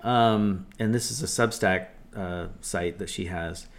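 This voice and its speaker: A man's voice: deep voice, measured pace. A man co-hosting a casual podcast, reading passages aloud and talking them through with many fillers and restarts. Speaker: co-host.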